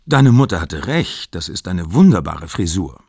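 Cautious middle-aged father, measured, low voice, dry sound, as a reader voices him. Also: big pitch swings, mellow, slightly rough, no room sound, full character voice.

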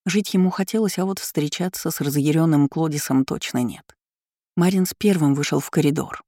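An audiobook narrator reads a fantasy story in an even, measured way. The voice is mellow and relaxed, and the recording is dry and close. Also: mid-range voice, no room sound.

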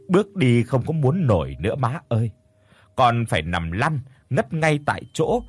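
A man's voice: mid-range voice, breathy edge. A man voicing a middle-aged daughter-in-law who wails theatrically and fakes her grief at a funeral in an audio story. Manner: melodramatic theatrical wailing. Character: woman, fake-wailing grieving daughter-in-law.

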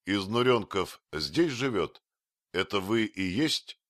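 A man's voice: deep voice, animated, a little slow, a bit bright, no room sound, clean studio sound. A man voicing a brusque, confident swindler who speaks in curt, official commands. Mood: stern.

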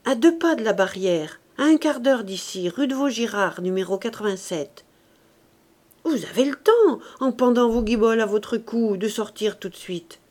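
A despairing old rustic man, voiced by a woman reader, his words coming loud and raised above her usual tone. He rambles to himself in old country speech, all agitation and grief. It is an audiobook storybook reading. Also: a little high, lively intonation, moderate pace. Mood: urgent. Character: old male gardener, frantic and despairing.

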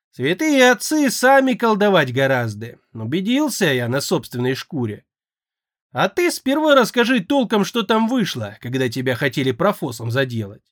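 A man's voice: high voice, no room sound, pitched above the performer's own voice. A man voicing a hardened male necromancer who speaks in a dry, sardonic, reasoning way, in an audiobook.

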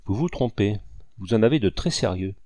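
A man's voice: fairly low pitch, expressive, moderate pace, mellow, no echo. A man voicing a tough male hunter who talks in a mocking, teasing way.

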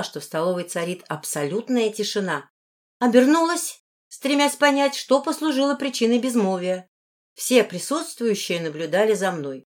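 A woman reading a first-person fantasy audiobook in a measured, expressive storytelling manner. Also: medium pitch. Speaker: audiobook narrator.

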